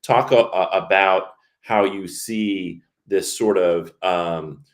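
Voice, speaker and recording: A man in his fifties with a very low voice hosts an interview. He asks long questions slowly and deliberately and answers his guest with warm affirmations. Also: fairly even intonation. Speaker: host. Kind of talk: conversational interview.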